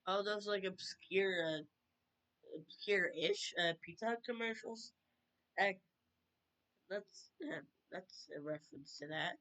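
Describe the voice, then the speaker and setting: Reaction commentator, sarcastic and baffled, slow delivery, bright tone. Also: mid-range voice. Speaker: video commentator. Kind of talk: reaction commentary over a video.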